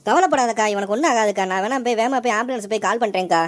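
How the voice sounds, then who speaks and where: An easygoing younger brother in a cartoon, voiced by a woman, protests and pleads with his older sister. He talks very fast in a slightly raised voice. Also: on the high side, close to an everyday voice. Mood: reassuring. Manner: pleading, defensive.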